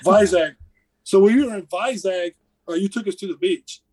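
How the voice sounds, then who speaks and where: A man's voice: high voice, moderate pace, a crowd in the background, poor audio. A man with an Appalachian accent, a podcast guest telling casual stories about a mission trip in a rambling, self-correcting way. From United States. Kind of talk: casual storytelling.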